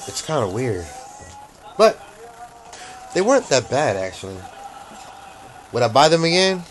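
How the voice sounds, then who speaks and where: A middle-aged man chats through a casual food review at an unhurried pace. His pitch moves up and down freely, though his manner stays low-key and matter-of-fact. It sounds like a homemade video shot up close on a handheld camera indoors. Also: sing-song, rough recording. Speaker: amateur snack reviewer. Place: small room at home, indoors. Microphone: handheld camera at close range.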